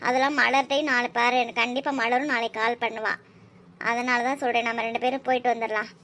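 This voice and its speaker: A woman voicing a calm, practical middle-aged mother in a cartoon, matter-of-fact and gently scolding. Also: fairly high pitch, fast talker. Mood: insistent. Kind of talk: cartoon voice acting.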